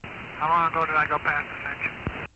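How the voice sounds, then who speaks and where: A man's voice: fairly high pitch, monotone. Man over crackly spacecraft radio. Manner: brisk, matter-of-fact, hesitant fillers. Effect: crackly spacecraft radio transmission. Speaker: astronaut in orbit. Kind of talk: clipped radio exchange with ground station. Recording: dull noisy archival radio link.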